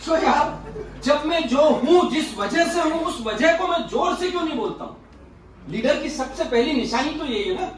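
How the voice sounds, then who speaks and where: A man's voice: extremely high pitch, expressive, normal speed, slight background noise. A man giving a joking motivational talk to an audience at a youth leadership session and teasing the listeners with questions. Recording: roomy echoey hall from far off.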